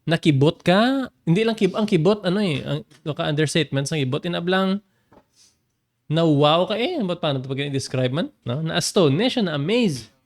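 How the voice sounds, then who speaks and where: A male preacher, teaching scripture in an animated way. His voice sits a little higher than most men's and keeps leaping up for emphasis, broken by easy laughs. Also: normal speed. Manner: animated, laughs often, jumps up in pitch for emphasis. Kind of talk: Bible teaching.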